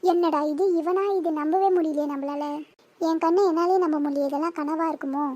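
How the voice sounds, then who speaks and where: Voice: sits high, fairly even intonation, a little fast, darkish tone, muffled recording, close to an everyday voice. Voice actor doing a scolding cartoon village mother. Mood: hurt, lecturing. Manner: scolding, lecturing. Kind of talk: cartoon voice acting.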